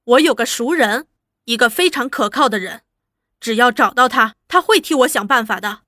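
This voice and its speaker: A woman's voice: fairly high pitch, lively intonation, normal speed, bright, forceful tone, dry recording, clean studio sound. A woman voicing an earnest young revolutionary woman, speaking firmly and emphatically in an audiobook. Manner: firm, fervent, emphatic. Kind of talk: audiobook character voice.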